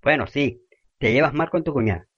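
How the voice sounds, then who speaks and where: A woman's voice: rumbling low, brisk, breathy edge, no room sound, lo-fi sound. A woman playing a pious, soothing older village woman who keeps calling out to Jesus. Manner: calming, exclaims to Jesus.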